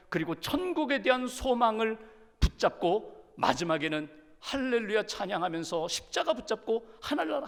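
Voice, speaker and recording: A man preaching a Sunday sermon in a large church sanctuary. His voice sits high and moves a lot, rising and falling with emphasis. A long church-hall reverb trails each phrase. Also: fairly bright tone. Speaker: pastor.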